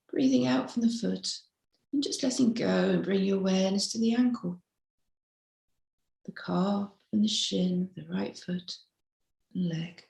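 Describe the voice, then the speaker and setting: In a roomy, echo-filled recording, a woman guides listeners through a body scan as a mindfulness teacher. Her middle-pitched voice carries strong vocal fry, and she delivers each instruction gently and without hurry.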